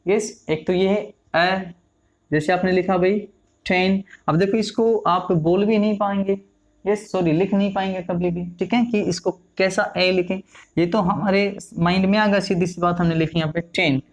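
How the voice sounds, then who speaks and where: A man, teaching English pronunciation, repeating example words slowly. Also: sits high, steady tone. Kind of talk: classroom lesson.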